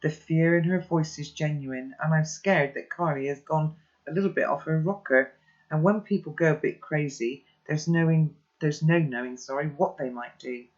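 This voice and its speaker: Casting: calm first-person storybook narrator, mid-pitched, lo-fi sound. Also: moderate pace. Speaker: reader. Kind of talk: reading a children's novel aloud.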